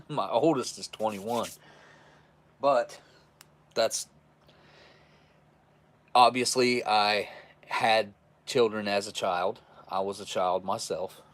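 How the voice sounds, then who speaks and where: Low-ish and a bit bright, this forties-aged streamer's voice moves slowly, with long pauses. He chuckles and rambles casually as he reads through messages from his viewers.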